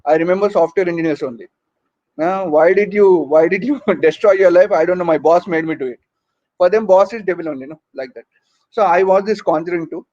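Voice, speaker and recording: A man's voice: high-pitched, a little fast, darkish tone. A man with an Indian English accent performing a stand-up comedy set for an online audience, teasing and chatty, full of tag questions. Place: home, virtual conference. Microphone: online call audio. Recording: dull lo-fi online audio.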